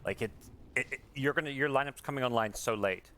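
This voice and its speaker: Mid-pitched man casting casually through noise. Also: fast talker, bright, forceful tone. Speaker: esports commentator. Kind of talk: casual, chatty game commentary.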